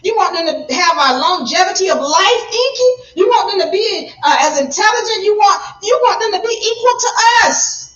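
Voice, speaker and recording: A woman's voice: very high-pitched, expressive, moderate pace, pushed and bright, roomy sound, distant mic, highs cut off, pitched above the performer's own voice, full character voice. A woman voicing an angry male god who scolds his brother with accusing questions. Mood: furious. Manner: accusing, repeating questions with rising outrage. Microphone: phone.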